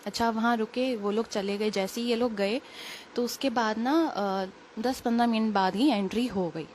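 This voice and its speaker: A young woman, a little unwell, telling a personal story in quick, rambling, casual talk full of fillers. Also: fairly high pitch, darkish tone, a little hiss or hum. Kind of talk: casual spoken testimony.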